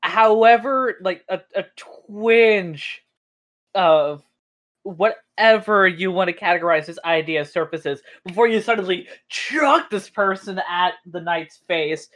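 Woman gm for a tabletop game, bright voice, laughs a lot. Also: on the low side, takes it slowly. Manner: laughs often, animated and loose. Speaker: game master.

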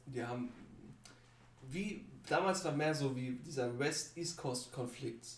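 A man's voice: mid-range voice, unhurried. A young man co-hosting a podcast in casual, slangy chat, talking bluntly and laughing often. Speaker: podcast co-host. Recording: roomy, distant from the mic.

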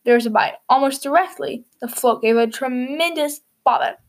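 A woman narrates and hosts a children's story, reading in a storybook style meant for young listeners. Her voice is a little high in pitch, and she speaks at a normal speed.

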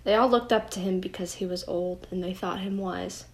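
A woman's voice: on the low side, normal speed, creaky. Woman reading a storybook aloud. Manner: gentle, expressive read-aloud. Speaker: storybook reader. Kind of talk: reading a children's picture book aloud at home.

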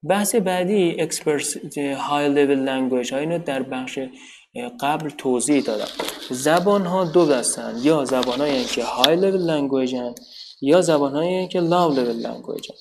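A man's voice: fairly high pitch, a little hiss or hum. Rambling man teaching a programming class. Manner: rambling, restarts and repeats while explaining. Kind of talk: informal spoken tutorial.

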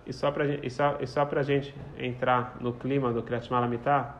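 A man's voice: medium pitch, level tone, normal speed. A man teaching a prayer text to a small group, explaining and telling stories, often repeating his phrases. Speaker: Torah teacher. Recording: slightly dull, faint background noise.

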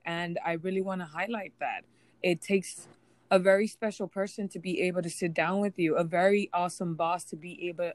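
A woman's voice: lowish voice, no echo. A woman in her thirties chatting earnestly, heartfelt and a little dramatic. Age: 30s. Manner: earnest, dramatic, restarts often. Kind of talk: casual chat.

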